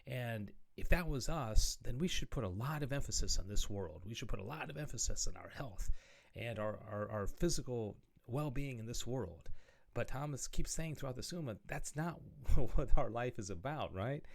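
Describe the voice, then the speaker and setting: A religious studies teacher gives a conversational video lecture on theology, reading passages aloud and explaining them while frequently checking in with "okay?" and "right?" His mid-range voice is creaky, with lively intonation and a normal speed.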